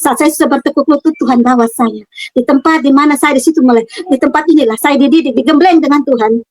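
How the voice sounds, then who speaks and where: High-voiced middle-aged woman giving testimony. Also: a little mellow, no room sound, faint music behind, rough recording. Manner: earnest, halting with repeated words and fillers. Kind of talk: personal religious testimony. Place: her own room.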